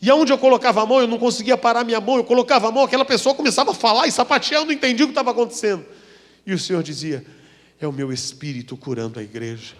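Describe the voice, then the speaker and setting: A Brazilian man, a pastor, preaching a dramatic testimony sermon, acting out voices and swinging from hushed to loud. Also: high-pitched, big-room sound. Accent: Brazilian Portuguese. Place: church.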